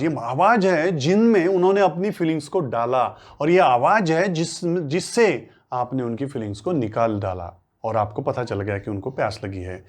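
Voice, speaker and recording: A man whose first language is Marathi, teaching a spoken English lesson in Hindi. He asks questions, answers them himself, and repeats phrases for emphasis. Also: mid-range voice. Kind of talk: classroom-style lesson.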